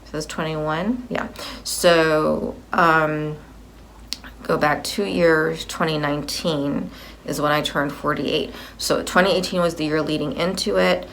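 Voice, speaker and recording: A woman's voice: sits low, creaky, fairly bright tone, a little hiss or hum. A woman in her fifties giving a personal video update, rambling as she repeats and corrects herself. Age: 50s.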